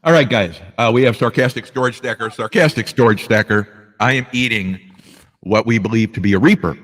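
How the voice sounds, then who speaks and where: A man's voice: mid-range voice, brisk, a bit bright, in a large hall. A man hosting a casual live stream, rambling along and thanking viewers by name.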